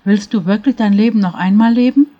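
A woman voicing a kind, calm fairy of wishes who questions gently and knowingly, in a storybook reading. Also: mid-range voice, fairly quick, dull audio, natural voice.

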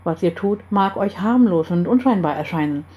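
A woman reading aloud and voicing the calm, serious male leader of a secret group. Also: on the low side, moderate pace, highs cut off, close to an everyday voice. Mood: grave.

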